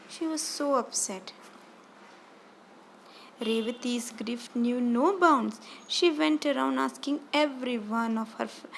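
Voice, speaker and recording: A woman with an Indian English accent retells a class story in a high, gravelly voice. She is expressive and keeps rephrasing lines as she explains. Faint background noise sits under her. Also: low-quality recording. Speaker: teacher.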